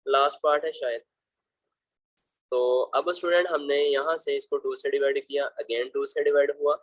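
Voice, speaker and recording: A man's voice: fairly high pitch, fairly even intonation, moderate pace, no echo, rough recording. A man teaching school math in a patient, fatherly way, walking students through each problem step by step. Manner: patient, addresses students fondly as beta. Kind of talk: explaining math problems over slides.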